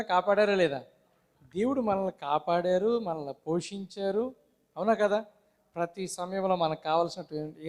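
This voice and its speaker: A man's voice: high-pitched, darkish tone. A male pastor preaching a sermon, asking the congregation questions and calling for amens. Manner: call-and-response, asks congregation questions and amens; mixes English words into Telugu preaching.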